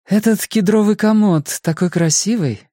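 A man's voice: sits high, moderate pace, warm tone, no echo, voice pushed up, lightly acted. A raised, light young woman's voice, as a male reader plays her, polite on the surface and uneasy underneath. She is a nervous guest in a storybook. The sound is dry and close-miked. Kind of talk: audiobook character voice.

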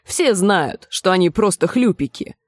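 A woman's voice: on the low side, expressive, measured pace, dry recording, studio quality. A woman voicing a boastful young male football fan who scoffs at his rival, in an audiobook. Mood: scoffing.

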